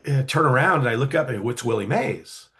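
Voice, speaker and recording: A man telling a story casually in an interview, animated, with many fillers and quick acted-out quotes. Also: mid-range voice. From California, USA. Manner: animated, acts out quoted voices, frequent fillers. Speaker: guest storyteller.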